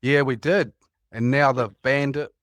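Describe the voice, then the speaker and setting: Calling in for a casual chat, a New Zealand-accented man from New Zealand tells anecdotes in a rambling way, laughing along. His mid-range voice is a little slow, a bit bright, and fairly even, with a clean tone, no room sound, and studio quality.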